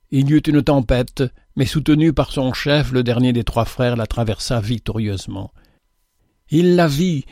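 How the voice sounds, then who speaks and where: Man reading a religious parable, solemn and measured, dry close sound. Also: medium pitch, warm tone, no room sound. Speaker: reader.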